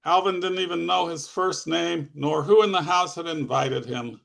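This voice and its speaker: A man's voice: fairly high pitch, moderate pace, creaky, a bit bright. A man, the author, reading his own fiction aloud at a live reading, with plain narration and occasional asides.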